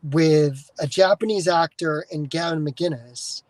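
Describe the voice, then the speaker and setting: A US man with a fairly high, darkish voice takes it slowly while hosting his podcast. His rambling, casual monologue is full of restarts, tangents and profanity, recorded in low quality with no room sound.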